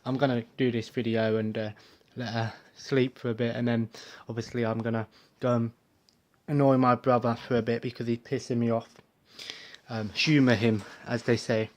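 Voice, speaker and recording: A young man, talking quietly in a rambling vlog at home, with plenty of ums and uhs. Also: mid-range voice, little pitch movement, moderate pace. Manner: soft-spoken, keeping his voice down. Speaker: collector showing purchases. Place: bedroom at home.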